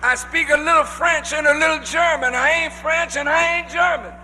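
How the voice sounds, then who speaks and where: A male preacher delivering a sermon to a congregation in a large hall, speaking emphatically with drawn-out phrases that rise to shouts. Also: extremely high pitch, fairly even intonation, slight background noise. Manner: addresses the congregation directly. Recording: long reverb of a large hall.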